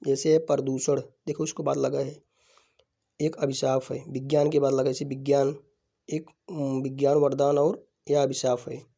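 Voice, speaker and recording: A man teaching a Hindi grammar lesson, often pausing and repeating words as he dictates notes. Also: mid-range voice, little pitch movement, vocal fry, mellow. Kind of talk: classroom-style lesson explaining punctuation.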